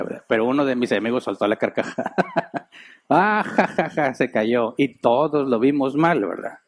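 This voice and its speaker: A middle-aged Mexican man preaching from a church pulpit at a medium pitch. He tells his stories in a relaxed, chatty way, as if talking with friends. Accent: Mexican Spanish. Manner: storytelling, conversational, laughs while telling anecdotes. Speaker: pastor. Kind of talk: sermon.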